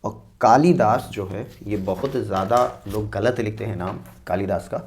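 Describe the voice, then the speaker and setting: A man's voice: fairly low pitch, darkish tone, a little hiss or hum. A man teaching an exam-prep Hindi spelling lesson, repeating each word and explaining it step by step. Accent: North Indian Hindi. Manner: explains slowly, repeating each word and saying "dekhiye" and "theek hai".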